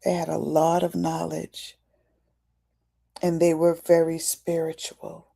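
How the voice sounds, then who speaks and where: A woman with a low, gravelly voice hosts a live talk for her audience. She speaks slowly and questions her listeners in a casual, preachy way, calling them y'all. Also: completely flat delivery, warm tone. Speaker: host.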